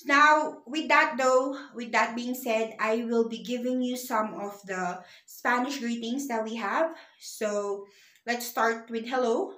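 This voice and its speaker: A woman's voice: a little high, slow, fairly bright tone. A woman teaching a beginner language lesson, patiently spelling out letters and sounds one at a time. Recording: echoey room.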